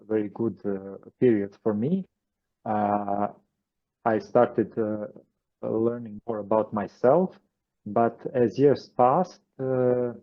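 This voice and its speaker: A man from Croatia with a Croatian accent, answering interview questions as a guest, pausing often with fillers and restarts over a video call. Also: medium pitch, highs cut off. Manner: hesitant, many fillers and restarts. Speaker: guest channeler.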